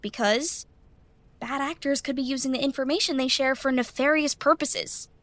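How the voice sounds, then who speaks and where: A woman voicing a bright, eager teenage schoolgirl who explains things like a know-it-all. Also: high-pitched, fairly even intonation, moderate pace, dry recording.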